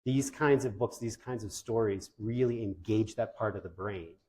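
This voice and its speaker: A man's voice: fairly low pitch, normal speed, a little mellow. A man giving an informal presentation to parents of deaf children, enthusiastic and conversational, with loose, chatty phrasing.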